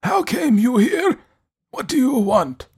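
A man's voice: very high-pitched, big pitch swings, slow, darkish tone, husky, pitched above the performer's own voice, exaggerated voice. A man putting on a haughty, stern old recluse. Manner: haughty, clipped demands.

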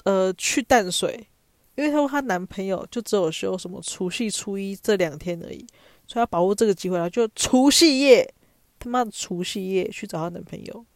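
A woman's voice: mid-range voice, a little fast, darkish tone, no room sound, clean studio sound. A young woman with a Taiwanese Mandarin accent, telling stories in a chatty, self-mocking way as a podcast host. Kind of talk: casual storytelling monologue.

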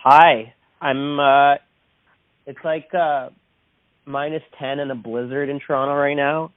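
A man's voice: fairly high pitch, fairly even intonation, measured pace, no echo. A man, a guest musician, chatting casually over the phone in a rambling way, full of fillers. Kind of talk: casual chat. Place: indoors. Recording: tinny phone line.

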